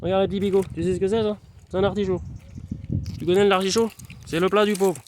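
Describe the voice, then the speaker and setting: A man's voice: high voice, level tone, fast talker, background noise. A young man vlogging outdoors in his garden, rambling playfully and talking straight to the viewer. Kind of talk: casual outdoor vlog chat.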